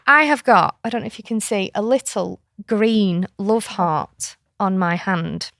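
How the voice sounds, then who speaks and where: Woman, podcast host; earnest, chatty storyteller, mid pitch, dry mic. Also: a little slow, creaky, fairly bright tone, dry recording. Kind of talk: casual podcast chat.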